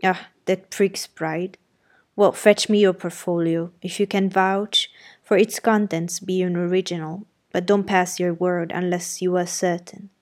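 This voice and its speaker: A woman voicing a brusque, imperious middle-aged gentleman who questions sardonically and gives orders, read as audiobook character dialogue. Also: fairly low pitch, little pitch movement, a little slow, close to an everyday voice. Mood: brusque, commanding.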